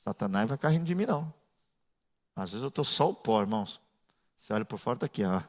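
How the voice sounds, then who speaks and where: A middle-aged male pastor preaching a sermon, dropping to low asides and building to shouted, half-sung climaxes. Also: very animated, fast. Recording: echoey church hall.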